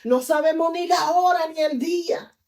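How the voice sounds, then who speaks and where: A woman's voice: extremely high pitch, normal speed, darkish tone. A woman preacher delivering a fervent sermon, telling stories and calling on her listeners to seek their miracle. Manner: fervent, storytelling preacher voicing scenes.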